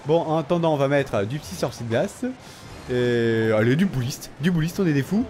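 A tired man casually commenting on his own game, excitable and talking to himself and his opponent. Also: mid-range voice, fairly quick, a little hiss or hum. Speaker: gaming video host.

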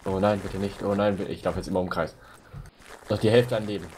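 A man's voice: low voice, fairly even intonation, brisk, a little mellow. A young man chatting casually while playing a multiplayer game, joking crudely and blurting out repeated lines. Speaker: Minecraft let's player. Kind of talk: casual multiplayer gaming chat. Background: faint noise and clicks.

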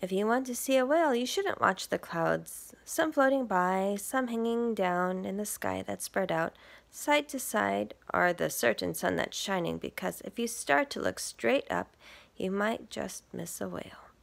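A woman reads a picture book to young children like a teacher, at a measured pace in an animated, expressive mid-range voice. Along the way she asks questions and falls into hushed, breathy asides.

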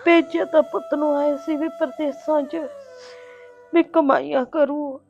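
A woman's voice: high voice, fairly even intonation, a little slow, vocal fry, a little mellow, highs cut off. An actress playing a grieving mother who weeps and consoles her family in a short drama. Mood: tearful. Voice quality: tearful, wailing lament. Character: grieving middle-aged mother, tender and weary. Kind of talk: emotional village drama acting.

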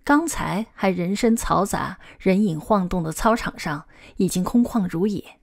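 A woman narrating a documentary-literature audiobook in a steady, measured storytelling voice. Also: mid-range voice, creaky.

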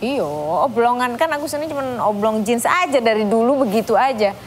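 A woman in her fifties from East Java chats animatedly as a guest on a TV talk show set. Her voice sits a little high, and she laughs often. A faint hiss lies under the studio recording. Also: brisk. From East Java, Indonesia. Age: 50s. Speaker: guest singer. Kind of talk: casual talk show chat.

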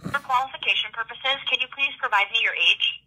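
A woman's recorded phone message playing over a phone speaker, reading an upbeat scripted sales pitch with filler ums. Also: fairly quick, bright, forceful tone, slightly rough, poor audio. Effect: recorded phone message heard over a phone speaker.

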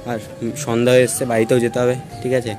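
This young man vlogs on a handheld phone as he walks around an outdoor temple garden, talking in a completely flat, rapid-fire way over music. His chatty commentary is casual and full of repeated fillers, and at moments his voice sinks nearly to a whisper.

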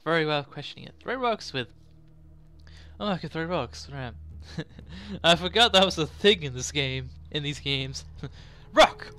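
A man's voice: fairly high pitch, expressive, unhurried, bright, forceful tone, slight background noise. A man casually commenting on his gameplay, often laughing and making mock-exasperated asides. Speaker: let's play gamer.

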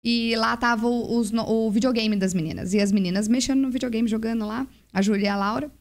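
A woman with a Brazilian accent, a podcast guest, telling lively stories about parenting and acting out the dialogue. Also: on the high side, fast. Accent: Brazilian Portuguese. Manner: lively storyteller, acts out dialogue. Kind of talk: casual podcast conversation.

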